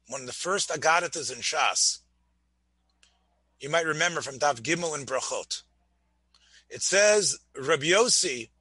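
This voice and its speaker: Man, rabbi lecturing on scripture, high-pitched, bright tone, rhetorical questions, repeats words, dry close sound. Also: dry recording. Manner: mixes Hebrew and Aramaic phrases into his English. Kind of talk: Torah class lecture.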